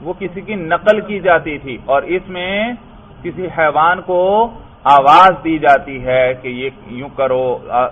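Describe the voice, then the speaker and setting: In a tinny, phone-like recording with faint noise, a man with a voice on the high side teaches Arabic grammar in Urdu. He reads Arabic phrases slowly, explains them, often says "brother," and repeatedly asks his class whether they've understood.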